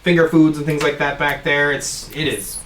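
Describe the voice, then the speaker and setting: A game master narrating a tabletop game in a relaxed, halting way, with plenty of fillers. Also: mid-range voice. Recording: echoey room, mic at a distance, faint noise.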